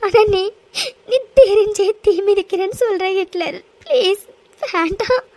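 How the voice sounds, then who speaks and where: A woman's voice: very high voice, a little slow, mellow. A woman voicing a tearful young woman who begs through sobs and stammers, in a cartoon. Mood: tearful, desperate. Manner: sobbing, stammering pleas. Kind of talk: cartoon voice acting.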